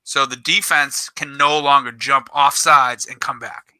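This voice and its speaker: With a medium-pitched, unhurried voice, a middle-aged man who coaches youth football spins a story for a casual podcast, swearing and performing the quoted dialogue with animation. The audio is poor with no room sound.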